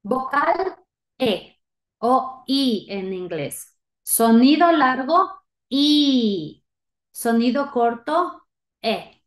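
A woman teaching English vowel sounds in a patient spoken lesson, modelling each sound slowly for learners to repeat. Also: high-pitched, lively intonation. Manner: slow and deliberate, modelling sounds for repetition.

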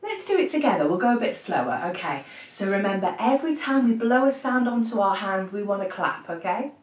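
A woman's voice: mid-range voice, expressive. Upbeat British woman teaching a class. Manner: encouraging, slow rhythmic chanting. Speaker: music teacher. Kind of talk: children's music lesson. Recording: echoey room from a distance.

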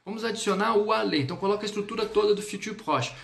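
A man's voice: high-pitched, rapid-fire, creaky, a bit bright. A man teaching a live online French lesson, speaking to viewers on a phone or webcam mic and checking in with them often.

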